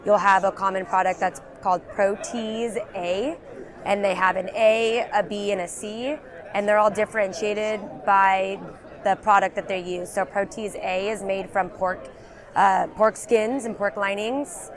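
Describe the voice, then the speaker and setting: A woman's voice: medium pitch, fairly even intonation, a little slow, a crowd in the background. A woman working as a beverage sales representative, explaining ingredients in a trade show interview, with frequent ums and you-knows. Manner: explanatory, many fillers like um and you know.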